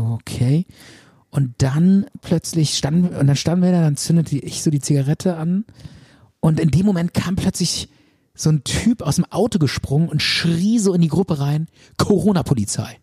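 Husky man rambling through a dream story. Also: fairly high pitch, dark tone, no echo, studio quality. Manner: rambling, hesitant storytelling with many fillers. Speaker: podcast co-host. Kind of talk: casual chat, telling a dream.

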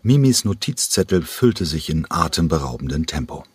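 A man reading an audiobook in a measured, steady narration. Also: a bass voice, slightly rough, no room sound, clean studio sound. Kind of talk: scripted narration.

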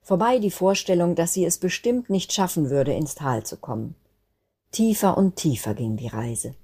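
A woman narrating a Christmas children's story in a gentle, expressive reading manner. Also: lowish voice, moderate pace, slightly rough. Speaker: guest storyteller.

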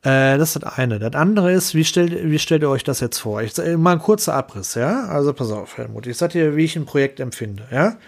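A man chatting casually on a podcast, telling a lively story and acting out clients and bosses in quick voices. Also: a little high, gravelly. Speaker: podcast co-host.

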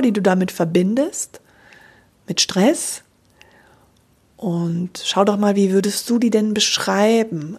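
A woman giving a calm, explanatory voice lesson and speaking directly to the listener. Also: mid-range voice, breathy edge. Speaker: voice coach. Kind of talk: spoken voice lesson.

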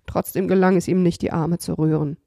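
A woman narrating a children's storybook aloud in a lively, expressive way. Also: lowish voice, fairly quick, creaky, no room sound, studio quality.

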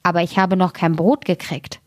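A woman's voice: fairly low pitch, little pitch movement, normal speed, no echo, studio quality, lightly acted. A woman reading a fairy tale aloud, voicing a hungry, tired male dog in a plain, easygoing way. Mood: content.

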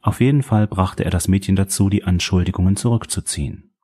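A man narrating a crime novel as an audiobook, in a steady, measured reading voice. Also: low-pitched, husky.

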